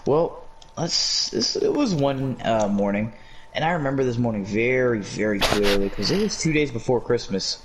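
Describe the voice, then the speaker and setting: A man's voice: mid-range voice, lively intonation, moderate pace. A young man telling a funny story in casual chat, profane and laughing often. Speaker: podcast co-host, storyteller. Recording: noisy recording.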